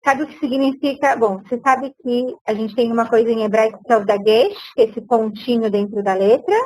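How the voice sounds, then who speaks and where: A woman's voice: a little high, fairly even intonation, brisk, darkish tone, no echo, low-quality recording. A woman teaching Hebrew grammar in an online seminar, explaining patiently and sometimes searching for words, on a computer mic.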